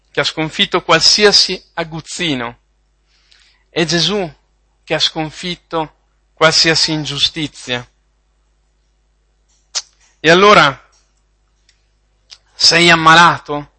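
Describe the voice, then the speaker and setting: A man preaching a sermon, reading Bible passages and repeating phrases with slow emphasis. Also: fairly high pitch, fairly even intonation, bright, forceful tone.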